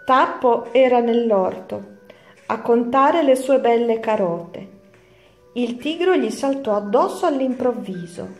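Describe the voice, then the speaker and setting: A woman teacher reads a children's story aloud, slow and clear, her voice sitting a little high. The room is roomy and echoing. Soft music plays faintly behind her. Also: expressive.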